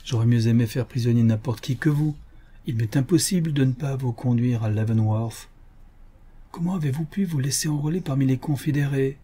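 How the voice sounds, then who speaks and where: A man voicing a stern but good-hearted frontier scout in an audiobook, talking in a firm, brisk way. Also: medium pitch, mellow, slightly rough, natural voice. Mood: dismayed.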